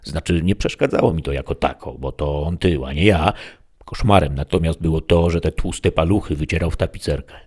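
Deep, gravelly male narrator. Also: brisk, darkish tone. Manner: wry, sardonic storytelling. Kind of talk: first-person audiobook narration.

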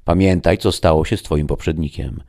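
A man voicing a cold, imperious male alien lord in an audiobook, with a slow drawl. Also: rumbling low, fairly even intonation, mellow. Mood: menacing. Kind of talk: audiobook character voice.

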